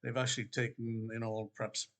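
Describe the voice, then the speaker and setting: An older man from Wales, an author casually talking about his books in a relaxed, rambling way with many pauses and restarts. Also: medium pitch. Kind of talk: casual spoken book promotion. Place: Queensland, Australia.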